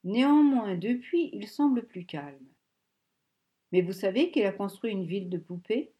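A woman's voice: mid-range voice, lively intonation, a little slow, muffled recording, close to an everyday voice. A woman reading the part of a male Swedish academic who talks in a chatty, reassuring way.

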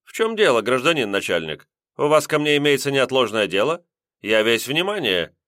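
A man's voice: mid-range voice, very animated, normal speed, fairly bright tone, no room sound, clean studio sound, pitched above the performer's own voice. A man voicing a smarmy male pickpocket who plays dumb and answers with mock-innocent sarcasm.

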